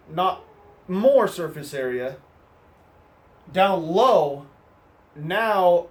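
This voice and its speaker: A man's voice: fairly high pitch, slight background noise. A nasal-sounding young man, still getting over a cold, explaining a hammer throw technique in a loose, rambling vlog with lots of fillers. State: recovering from a cold. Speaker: hammer throw coach on his channel. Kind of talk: casual instructional vlog. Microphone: new microphone.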